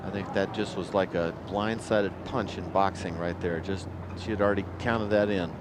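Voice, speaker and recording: A man's voice: low-pitched, steady tone, normal speed. A man working as a golf commentator, giving conversational analysis in a blunt, colloquial way. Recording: outdoor broadcast with crowd and loud noise. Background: golf crowd and outdoor noise.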